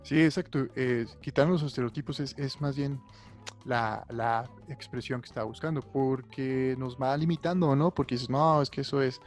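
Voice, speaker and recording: A young man with a Mexican accent co-hosting a podcast, talking in an animated, slangy, opinionated way. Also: mid-range voice, moderate pace. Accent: Mexican Spanish. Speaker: podcast co-host. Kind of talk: casual chat. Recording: faint music behind.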